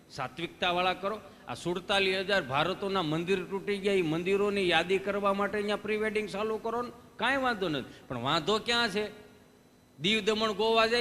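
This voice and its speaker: A man's voice: high-pitched, pushed and bright, slight background noise. A man doing live folk comedy on stage, telling folksy stories and acting out the dialogues. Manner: folksy storytelling, asks the audience questions, acts out dialogues. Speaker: stand-up comedian. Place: live stage show before an audience. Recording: stage hall reverb with faint music.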